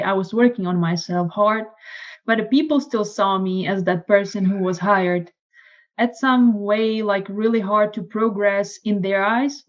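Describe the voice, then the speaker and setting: A woman with a Czech accent, a podcast guest telling her story in casual conversation, lively and acting out quoted lines. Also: highs cut off. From Czech Republic. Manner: animated, acts out quoted lines in a higher voice.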